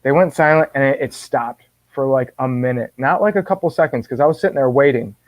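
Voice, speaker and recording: A man guest telling a personal faith story in an animated way, often restarting and repeating words. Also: mid-range voice, brisk, dry recording. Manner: animated, acts out his own quoted words. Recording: dull dry lo-fi sound.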